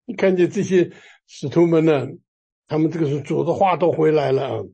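A man preaching a sermon, emphatic and rising to near-shouts at the climaxes, with a raspy voice. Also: fairly high pitch, brisk.

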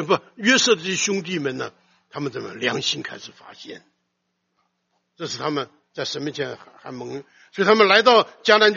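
A man preaching a sermon, swinging between loud emphasis and soft low asides and putting questions to his listeners. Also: gravelly, slightly rough. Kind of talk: expository sermon. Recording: dull lo-fi recording.

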